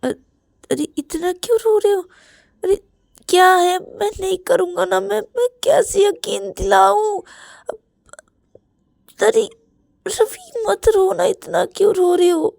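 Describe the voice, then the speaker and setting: A woman's voice: very high-pitched, steady tone, slow, vocal fry, pauses often, darkish tone, no room sound, studio quality, pitched above the performer's own voice, full character voice. A woman voicing a devoted young man who urgently coaxes his partner to stop crying. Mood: coaxing, urgent. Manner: urgent, coaxing. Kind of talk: storybook role-play.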